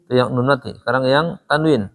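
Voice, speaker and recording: A man teaching Quran recitation in a tajwid lesson, speaking with an Indonesian accent, slowly repeating and modelling each sound for his students. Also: mid-range voice, big-room sound.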